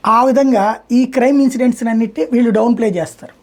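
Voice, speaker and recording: A woman's voice: on the high side, a little mellow. A woman speaking as a political analyst guest in a debate, arguing with examples and proverbs. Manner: fast, argumentative, explains with examples and proverbs.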